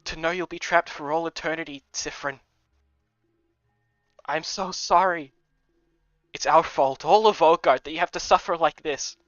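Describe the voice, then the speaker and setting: A man's voice: a little high, normal speed, long pauses, fairly bright tone, no room sound, soft background music, close to an everyday voice. A man doing a sorrowful Scottish housemaiden. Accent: slight Scottish put-on. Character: older head housemaiden woman, sorrowful and apologetic. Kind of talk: game readthrough voicing. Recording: dull lo-fi recording.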